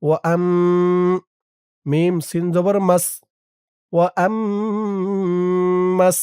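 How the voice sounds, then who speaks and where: A man with a Bangladeshi Bengali accent teaching Quran reading, spelling Arabic words syllable by syllable and reciting them in a slow drawn-out chant. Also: sits high, steady tone, clear, resonant tone, no echo, clean studio sound. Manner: speaks to viewers directly in quick, soft-spoken asides.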